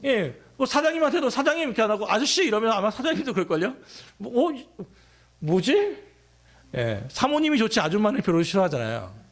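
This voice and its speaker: A man's voice: high voice, very animated, brisk. A man preaching a sermon as pastor of a church, talking conversationally and asking his listeners many questions.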